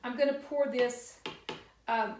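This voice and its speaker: A woman's voice: on the high side, fairly even intonation, takes it slowly, darkish tone, roomy sound, far from the mic, a little hiss or hum. An older woman from the Missouri Ozarks, chatting her way through a home cooking demonstration with folksy, rambling asides. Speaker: cooking video host.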